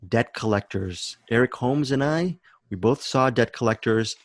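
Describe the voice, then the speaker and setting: A man's voice: medium pitch, normal speed, no room sound. A man hosting a film podcast, chatting enthusiastically about a movie and often repeating words as he searches for phrasing. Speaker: podcast host.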